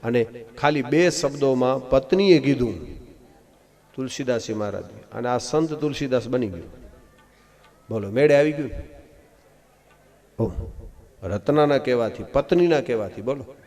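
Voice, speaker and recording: A man from Gujarat, giving a devotional discourse full of folk stories, acting out the characters and rising loud at punchlines, recorded live through a PA. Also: mid-range voice, moderate pace, long pauses. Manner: animated storytelling, acts out voices of wife and husband, rises loud in punchlines. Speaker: katha storyteller. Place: live outdoor religious gathering.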